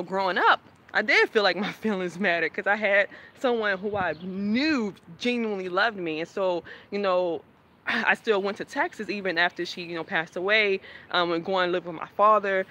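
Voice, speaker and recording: A woman's voice: on the low side, a bit bright. A young woman, talking candidly in a personal vlog, rambling and laughing often. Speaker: vlogger.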